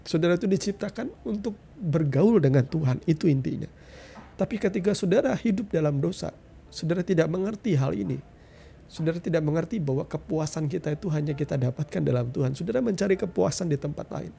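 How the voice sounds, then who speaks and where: Earnest gravelly man preaching a testimony. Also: on the high side, expressive, fairly quick, mellow. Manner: earnest, addresses listeners as "saudara". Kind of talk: testimony sermon.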